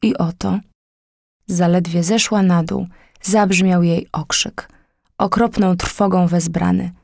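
A woman narrates an old tale as an audiobook, measured and dramatic. Her voice has a husky, breathy grain. The recording is close and dry. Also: lowish voice, steady tone, darkish tone, no echo.

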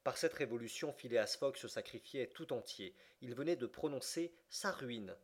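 A man's voice: medium pitch, expressive, normal speed. Man narrating a classic adventure novel. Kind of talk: audiobook reading of a classic novel.

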